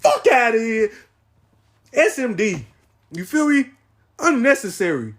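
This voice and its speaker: A man's voice: very high voice, big pitch swings, unhurried, fairly bright tone. A young man hosting his own podcast, ranting in casual profane slang with mock-dramatic grief. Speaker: podcast host. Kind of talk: casual solo podcast rant.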